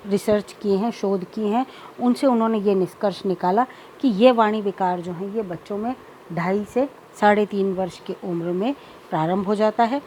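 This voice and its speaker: A woman lecturer explaining childhood speech disorders in a measured teaching manner, slipping English terms into her explanations. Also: medium pitch, a little mellow, a little hiss or hum, low-quality recording. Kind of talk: recorded lecture.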